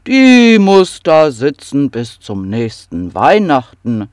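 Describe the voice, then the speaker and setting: A storyteller voicing a big fat male troll who roars with laughter and booms. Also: huge pitch swings, slow, darkish tone, no room sound, studio quality. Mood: gruff. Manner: booming, guffawing.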